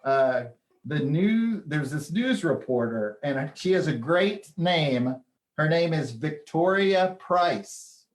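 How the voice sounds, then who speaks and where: A man hosting a casual chat, telling news stories in a relaxed, chatty way with plenty of fillers. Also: on the high side, slow, reverberant. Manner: chatty storyteller with frequent fillers. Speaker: host.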